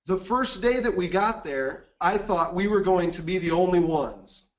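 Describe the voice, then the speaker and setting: A man giving a seminar presentation, telling a mission-trip story in an earnest, measured way. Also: sits high, expressive, muffled recording. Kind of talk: webinar presentation with anecdote.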